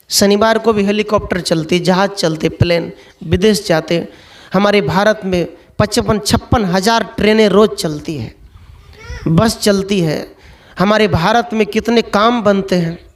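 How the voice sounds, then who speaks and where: Preacher guy, high voice, tells stories, lots of rhetorical questions. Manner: storytelling, full of rhetorical questions. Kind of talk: sermon.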